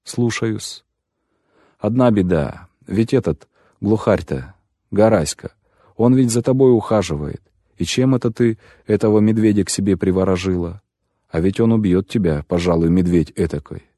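Male reader doing a stern middle-aged butler, brusque, commanding, mellow tone, dry, audiobook. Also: low-pitched, normal speed, dry recording. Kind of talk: audiobook character reading.

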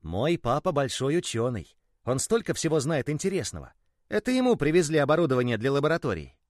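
A man voicing a calm young boy who longs for a friend. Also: on the high side, brisk, no echo, clean studio sound, voice pushed up. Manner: calm, growing excited.

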